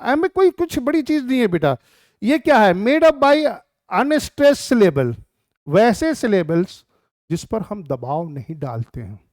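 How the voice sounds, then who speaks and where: High-voiced Indian teacher, slow and patient. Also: male voice, no echo, clean studio sound. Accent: Indian English. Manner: explains patiently, slowly sounding out English words, calls students "beta". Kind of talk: classroom poetry lesson.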